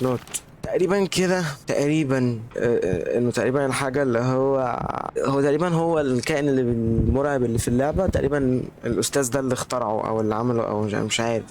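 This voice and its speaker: A man with an Egyptian Arabic accent talks fast and nervously while playing a game, muttering to himself. Loud game ambience runs clearly under his voice. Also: mid-range voice, a little hiss or hum. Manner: jittery, scared, talking to himself. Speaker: gaming YouTuber. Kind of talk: let's play commentary.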